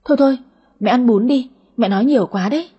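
A woman voicing a greedy, sulky daughter in her thirties with a high, whiny voice in an audio story. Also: fast talker, husky, dull audio. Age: 30s. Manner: whiny, cheeky.

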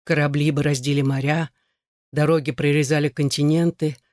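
A man narrates a novel in the first person, with a measured, solemn delivery. His voice sits somewhat high for a man. It is recorded close and dry, with no room sound. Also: flat delivery, a little mellow, no room sound. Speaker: audiobook reader.

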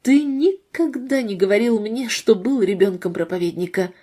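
A woman's voice: mid-range voice, normal speed, dark tone, natural voice. A woman voicing an earnest young wife who pleads with her husband in a read-aloud novel. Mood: gentle. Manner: pleading, urgent.

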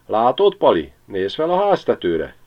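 A man voicing a calm, sensible young man who reasons patiently. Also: lowish voice, voice pushed up. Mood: reasoning. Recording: slightly dull lo-fi recording.

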